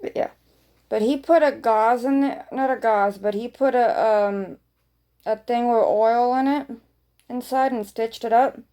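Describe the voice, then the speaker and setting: A woman's voice: on the high side, measured pace, warm tone. A woman vlogger chatting casually to her viewers in a rambling way, often repeating phrases for emphasis.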